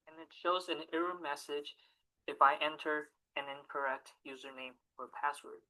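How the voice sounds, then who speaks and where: Bright-voiced teen boy narrating a demo. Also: on the high side, moderate pace, low-quality recording. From Taiwan. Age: teens. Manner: scripted, even, reading through steps. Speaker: student presenting a project. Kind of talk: recorded project demo narration.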